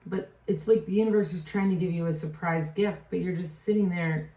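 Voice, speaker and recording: A woman's voice: fairly low pitch, fairly even intonation, brisk, warm tone. A woman giving a casual tarot reading, rambling and often trailing off to restart her thought. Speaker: tarot reader. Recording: echoey room, distant mic.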